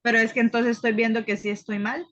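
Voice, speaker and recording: A woman's voice: on the high side, level tone, fast, no room sound. A woman student asking questions in class, hesitant and searching for words. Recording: dry, lo-fi sound.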